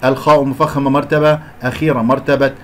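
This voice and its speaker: Man teaching Quran recitation, slow drawn-out examples. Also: mid-range voice, flat delivery, slight background noise. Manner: breaks words into syllables, slow drawn-out recited examples between quick explanations. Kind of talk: tajweed lesson, explaining and demonstrating recitation.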